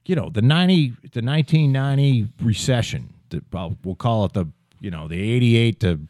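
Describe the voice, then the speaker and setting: Fifties guy on a podcast, rambling and cussing, lively swings in pitch, dark dry sound. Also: fairly quick, no echo. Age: 50s. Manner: profane, rambling, trailing off. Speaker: podcast co-host. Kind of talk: casual chat.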